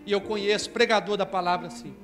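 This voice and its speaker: High-voiced Brazilian preacher telling his story. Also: fairly even intonation, fast talker, over music. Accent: Brazilian Portuguese. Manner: vivid storytelling, acts out the scenes. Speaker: preacher giving a testimony. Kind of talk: dramatic testimony sermon.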